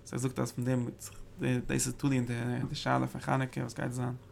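A man teaching a religious text in a gravelly voice at an ordinary pitch. He talks in emphatic bursts, circling back to repeat and restart phrases as he explains. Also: completely flat delivery, quick pace, darkish tone, a little hiss or hum. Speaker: Torah teacher. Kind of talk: religious study lecture.

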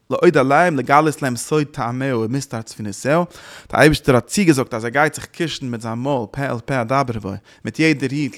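A man giving a Torah lecture with an animated, chant-like delivery, repeating words and breaking into sudden loud bursts. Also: mid-range voice. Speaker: Torah teacher. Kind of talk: Yiddish-inflected Torah lecture.

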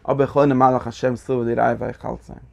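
Gravelly man teaching in a halting way. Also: medium pitch, level tone. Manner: halting, repeats phrases, mixes Yiddish and Hebrew terms into German. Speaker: Torah teacher. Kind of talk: Talmudic study lecture.

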